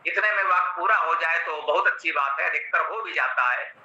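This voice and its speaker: Hindi-accented male scripture teacher, high bright voice, measured lecture, roomy dull recording. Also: a little hiss or hum. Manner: measured, teacherly, repeats and glosses Sanskrit terms. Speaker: Vedic scholar explaining a mantra.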